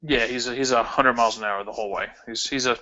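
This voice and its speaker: A man's voice: medium pitch, steady tone, sharp tone, dull audio. A man co-hosting a podcast in casual chat, chiming in with short questions and remarks. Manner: quick interjections and questions. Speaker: podcast co-host.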